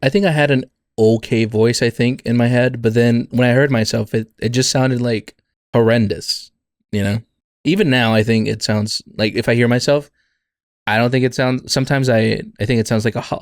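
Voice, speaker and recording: A man co-hosts a podcast, chatting casually and laughing often in a mid-range voice. The recording is studio quality with no room sound.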